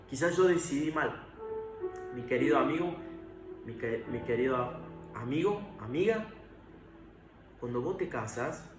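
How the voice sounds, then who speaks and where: A man's voice: fairly high pitch, far from the mic. A man preaching an earnest sermon, speaking straight to the viewer and swelling into emphasis. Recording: echoey room with music behind.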